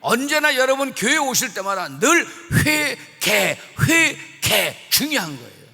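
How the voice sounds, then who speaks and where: High, animated man preaching in a church. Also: slow, vocal fry, husky. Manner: emphatic, repetitive, asks congregation questions. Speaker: pastor. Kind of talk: revival sermon. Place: church sanctuary. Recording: reverberant church sanctuary.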